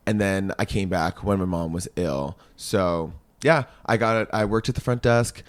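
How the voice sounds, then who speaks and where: A man's voice: low-pitched, moderate pace. A man in his thirties from Brooklyn, a fitness instructor talking candidly on a podcast, laughing often and saying "like" a lot. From Brooklyn, Park Slope. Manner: candid, laughs often, many filler likes. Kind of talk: casual podcast chat.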